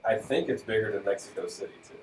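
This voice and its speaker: A man's voice: fairly low pitch, fast, roomy sound, distant mic, background noise. A man co-hosting a radio talk show, casually presenting facts with fillers and light chuckles. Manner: relaxed, fact-reciting with fillers and light chuckles.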